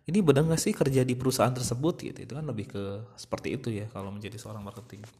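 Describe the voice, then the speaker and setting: A man's voice: mid-range voice, racing, dark tone, slightly rough. Chatty man. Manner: chatty, imitates babies and others mid-talk. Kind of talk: casual monologue.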